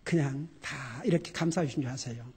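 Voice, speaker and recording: A middle-aged man preaching a sermon as pastor, animated and laughing, swinging between loud exclamations and quiet emphasis. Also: medium pitch, a little fast, slightly rough.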